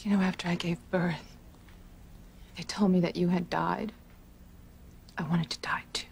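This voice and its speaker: An actress playing a remorseful middle-aged mother, pleading emotionally in a hushed, breathy voice in a soap opera. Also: lowish voice, level tone, unhurried, slight background noise. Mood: anguished pleading. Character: remorseful, devoted mother pleading with her grown son. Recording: music under the voice.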